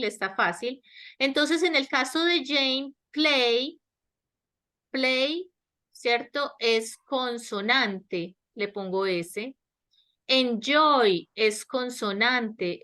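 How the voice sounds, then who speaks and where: A woman teacher with a Latin American Spanish accent explains grammar in an online class, slowly and patiently. Her voice is bright and fairly high. She keeps asking whether the students follow. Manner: slow, explanatory, checks understanding with repeated questions. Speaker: English teacher. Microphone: webinar headset or laptop mic.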